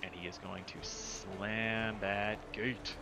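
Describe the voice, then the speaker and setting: Low-voiced man narrating as game master. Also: slow, gravelly, background noise. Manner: vivid, energetic scene description. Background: music.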